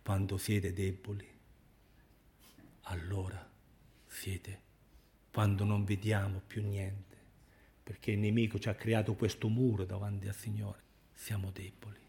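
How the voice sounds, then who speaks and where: A man preaching a sermon, slow and emphatic, sinking to near-whispers and then rising loud on repeated phrases. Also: on the low side, flat delivery, gravelly.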